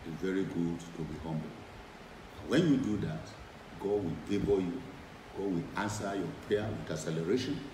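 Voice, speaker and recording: A man's voice: low-pitched, recorded from a distance, noisy background. Emphatic male preacher in an echoey room. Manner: emphatic, repeats key phrases, lively rises and drops. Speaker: preacher and former lecturer. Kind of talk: sermon.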